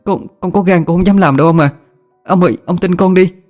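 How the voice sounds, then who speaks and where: A man's voice: high-pitched, a little fast, a little mellow, soft background music, pitched above the performer's own voice, close to an everyday voice. A man voicing a frightened young female servant who begs and stammers in a storytelling reading. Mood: pleading desperate. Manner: tearful begging, stammering.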